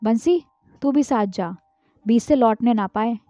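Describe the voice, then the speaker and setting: A woman's voice: fairly high pitch, unhurried, warm tone, no echo, soft background music, lightly acted. Stern, curt father, as a woman reads him. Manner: curt, commanding. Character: stern middle-aged father scolding his son. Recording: dull, dry, lo-fi.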